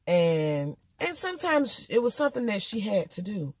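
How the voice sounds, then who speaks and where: A woman's voice: medium pitch, sing-song, moderate pace, darkish tone, slightly rough, no room sound. A woman recapping a TV episode in casual, slangy chat, talking candidly straight to her viewers. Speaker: TV episode reviewer.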